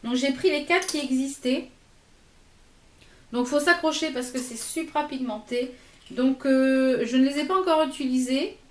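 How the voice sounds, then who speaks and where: A woman with a high voice chats casually through a makeup haul, pausing often with fillers as she shows each product. Her voice rings in a roomy, echoey space at home. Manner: hesitant, many fillers, shows products to camera. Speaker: beauty vlogger.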